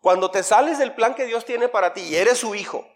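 A middle-aged man with a Mexican Spanish accent teaching the Bible as a pastor, quizzing his congregation and answering himself, loud one moment and quiet the next. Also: extremely high pitch, a little fast. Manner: swings between loud emphasis and quiet asides. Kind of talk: interactive Bible teaching sermon.

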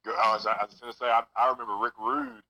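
A man's voice: on the low side, level tone, fast, creaky, pushed and bright. A man from Louisiana talking over a phone speaker as a guest, telling stories in an easygoing, upbeat way. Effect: heard over a phone speaker. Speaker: guest wrestler. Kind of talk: casual phone chat. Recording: tinny speakerphone call.

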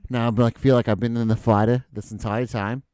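A man's voice: medium pitch, flat delivery, brisk, a little mellow, smooth, no room sound. A man co-hosting a podcast, chatting casually and rambling while swearing freely. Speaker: podcast co-host. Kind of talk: casual chat watching a movie.

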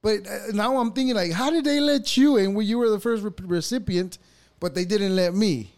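A man in his thirties from El Salvador, hosting a casual conversation, halting and restarting often and laughing easily. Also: high voice, darkish tone. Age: 30s.

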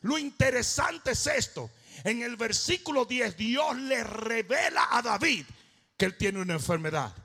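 Male pastor, fervent sermon delivery, very high husky voice, long church-hall reverb. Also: expressive, unhurried. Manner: fervent preaching, shouting and half-singing phrases.

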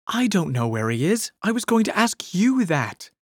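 A blunt, tipsy woman, as a male storyteller puts her on, firing off sharp, exasperated questions in a lifted voice. The audiobook reading is close and dry, with no room around it. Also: sits high, big pitch swings, normal speed, husky, dry recording, pitched above the performer's own voice, heavily acted.

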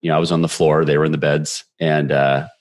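Here a podcast interviewee, a man in his 40s, narrates personal anecdotes at a brisk clip. His very low, deep voice stays animated as he acts out the things people said.

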